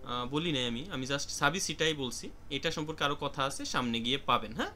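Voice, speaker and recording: A man's voice: mid-range voice, sing-song, brisk, pushed and bright, soft background music. A man with a Bangladeshi accent teaching Japanese vocabulary in an online class, explaining each word and calling on students.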